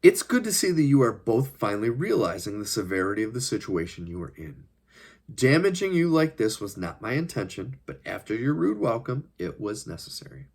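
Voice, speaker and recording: A man reading his novel aloud, voicing a polite, formal government agent who threatens his captives in measured words. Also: lowish voice, very animated, breathy edge, exaggerated voice. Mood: cold menace. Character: cold, polite, menacing male government agent.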